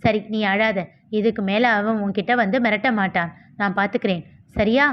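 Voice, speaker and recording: A woman's voice: mid-range voice, normal speed, lightly acted. A woman doing a fierce, scolding older sister. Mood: soothing. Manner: scolding, sharp, rough-spoken. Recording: slightly dull lo-fi recording.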